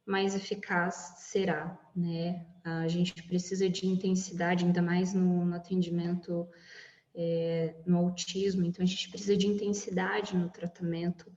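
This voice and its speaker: A woman's voice: on the low side, flat delivery, unhurried, darkish tone, lo-fi sound. Woman talking shop in an echoey room. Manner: explanatory, many "né" tags. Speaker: music therapist guest. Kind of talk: casual podcast conversation.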